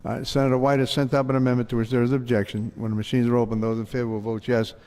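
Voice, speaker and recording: A man presiding over a state senate, calling votes in brisk, formulaic procedural announcements. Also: mid-range voice, flat delivery, warm tone. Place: large legislative chamber.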